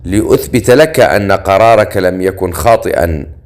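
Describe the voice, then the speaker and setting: A man voicing a calm, cold young swordsman who answers in curt words. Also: low voice, moderate pace.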